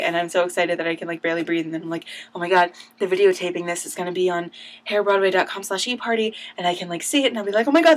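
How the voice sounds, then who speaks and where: Young woman, bubbly storyteller for a casual home vlog; low-ish voice, fills with "like" and "um.". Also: a bit bright. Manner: bubbly, gushing, says "like" a lot. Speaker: vlogger. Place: at home, indoors.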